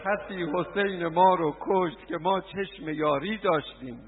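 A man preaching a mourning sermon, impassioned, swinging from hushed asides to shouts, with sarcastic remarks. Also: sits high, a little hiss or hum. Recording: tinny phone-like sound, long hall reverb.

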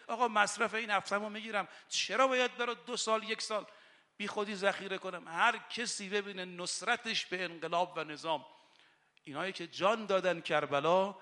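A man preaching a religious sermon as a cleric, rising from soft explanation to loud, impassioned delivery. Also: high voice, long reverb tail.

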